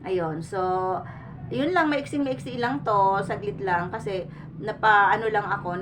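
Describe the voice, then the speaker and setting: A woman talking casually to her viewers, earnest and pleading, restarting her sentences often and sweating in the heat. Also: medium pitch. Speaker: vlogger. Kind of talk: casual reaction commentary to the camera. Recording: distant mic with faint room noise.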